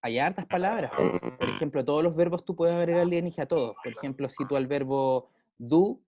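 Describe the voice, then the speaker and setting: A man's voice: on the high side, fairly quick, mellow, no room sound, highs cut off. A male teacher with a Chilean accent, explaining grammar in a casual way with everyday examples and frequent check-ins with his pupils. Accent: Chilean Spanish. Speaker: English teacher.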